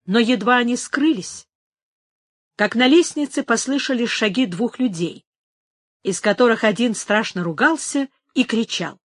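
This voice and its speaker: A woman reading a story aloud as narrator in a measured, even manner. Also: on the high side, no room sound, studio quality. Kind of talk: scripted narration.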